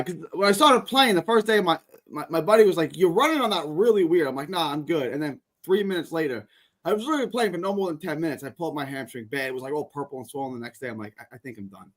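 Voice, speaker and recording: High-voiced halting man in his forties. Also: a bit bright. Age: 40s. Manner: halting, repeats words. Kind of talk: casual sports chat.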